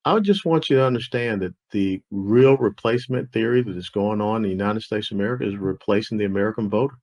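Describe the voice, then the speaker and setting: A man's voice: fairly low pitch, fast talker, a little mellow. A man hosting political commentary, talking in a folksy, joking way with mocking asides. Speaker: host and executive director.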